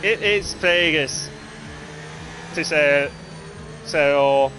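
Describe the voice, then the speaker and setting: A man's voice: a little high, very slow, bright, forceful tone, soft background music. A man doing live race commentary on a livestream of a sim racing event. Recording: clearly noisy, engine noise behind.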